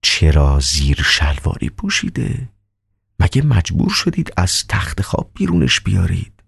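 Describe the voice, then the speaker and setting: A man voicing a calm, polite male doctor who asks slow, soft, half-whispered questions. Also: sits low, creaky, breathy edge, no echo, clean studio sound, heavily acted.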